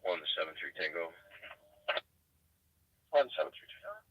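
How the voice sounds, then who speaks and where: A man's voice: low-pitched, big pitch swings, moderate pace, a bit bright, dry recording, low-quality recording. A man heard over a police radio, giving terse, businesslike dispatch calls in clipped radio codes. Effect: police radio transmission.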